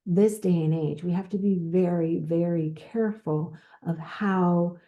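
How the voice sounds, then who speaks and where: A woman hosting a podcast, giving advice in an unscripted talk, speaking slowly with pauses and repeated words. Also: lowish voice, fairly even intonation, narrow, tinny audio. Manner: slow, repetitive, with pauses and restarts. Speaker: podcast host.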